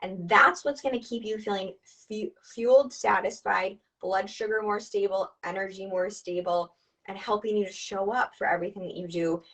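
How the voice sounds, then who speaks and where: An upbeat woman dietitian explains habits to a client in a chatty, encouraging way, pitched at an ordinary middle height. She talks over a video call, and her voice sits a little back from the microphone. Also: distant mic, rough recording. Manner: upbeat, chatty, asks listeners to respond. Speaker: dietitian and nutrition coach. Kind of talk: conversational explainer, coaching advice.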